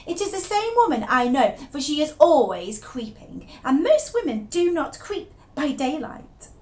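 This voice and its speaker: This is a dramatic monologue read in the first person by a woman whose high voice gives life to a young wife losing her grip. Secretive and confiding, she moves from hushed murmurs to emphatic, fixated fascination, sharing with a diary what nobody else may know.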